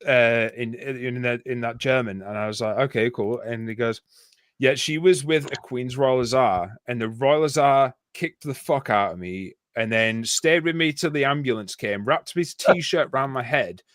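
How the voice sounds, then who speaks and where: A man's voice: mid-range voice, moderate pace, no room sound. A man with a Yorkshire accent telling a long, rambling anecdote in casual chat, laughing and swearing often. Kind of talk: casual storytelling.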